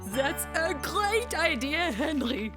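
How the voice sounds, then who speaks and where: A woman's voice: high-pitched, sing-song, slow, a bit bright, full character voice. A woman voicing a caring, wise microscope scientist in a cartoon, instructive and motherly. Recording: music playing behind.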